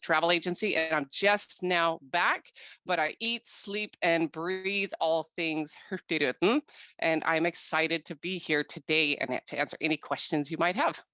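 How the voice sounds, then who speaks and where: A woman's voice: sits low, unhurried, sharp tone, no echo. A woman from Norway introducing herself as a travel advisor on a video call, upbeat and playful. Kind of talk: self-introduction.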